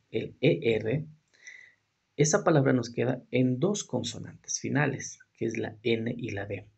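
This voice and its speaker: A man walks through a grammar lesson, posing rhetorical questions and checking in with his students as he goes. His voice is very husky and heavily gravelly, sitting at a middle pitch. He is a native Spanish speaker teaching English. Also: darkish tone.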